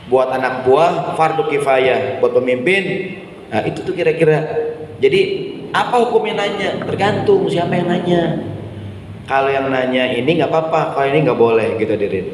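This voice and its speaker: A man's voice: fairly high pitch, normal speed. A man preaching a casual evening sermon in a mosque, speaking conversationally and often turning to the congregation to ask whether they agree. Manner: conversational, often addresses the congregation and asks "right or not?". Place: mosque hall. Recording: very echoey mosque hall with long reverb and faint noise.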